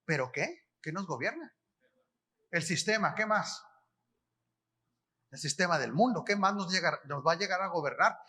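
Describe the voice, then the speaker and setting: Bright high-pitched Mexican preacher man. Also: normal speed, pauses often, slightly rough. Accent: Mexican Spanish. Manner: colloquial, asks the audience questions and answers himself. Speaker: apostle preaching. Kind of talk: conference sermon.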